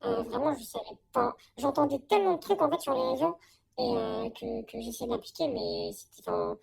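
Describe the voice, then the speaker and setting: A woman's voice: sits high, wildly swooping pitch, a little fast, creaky, a little mellow. A young woman giving a casual, slangy testimonial in an informal conversation. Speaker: coaching client giving a testimonial.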